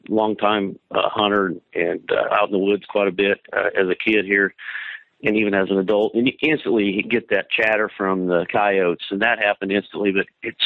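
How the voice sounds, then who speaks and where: Calling in from Kansas as a guest on a show, a man with a lowish voice and no room sound gives a phone-in interview. He's enthusiastic and casual, and "man" keeps popping up in his speech.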